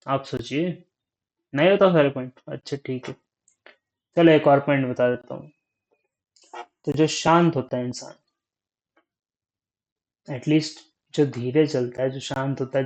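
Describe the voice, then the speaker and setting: A young man giving a casual talk on speaking, unhurried, thinking aloud and often checking in with the listener. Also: medium pitch, a little mellow, rough recording. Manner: frequent "ठीक है?" check-ins.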